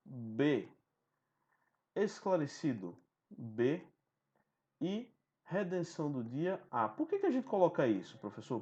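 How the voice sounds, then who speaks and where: A man's voice: a little high, darkish tone. A man teaching a recorded online lesson, explaining step by step and often checking in with the listener. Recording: dull lo-fi sound.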